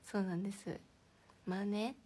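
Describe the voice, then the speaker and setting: A woman's voice: medium pitch, fairly even intonation, moderate pace, warm tone, breathy edge. A young woman hosting a casual livestream from indoors, chatting and giggling as she reacts to viewer comments. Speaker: idol livestream host.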